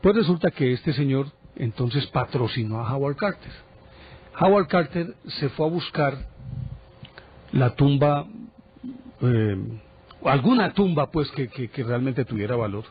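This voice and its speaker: Husky man telling stories. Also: medium pitch, unhurried. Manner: animated storyteller, chatty asides. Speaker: TV presenter telling history stories. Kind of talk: casual storytelling on TV. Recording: dull broadcast audio.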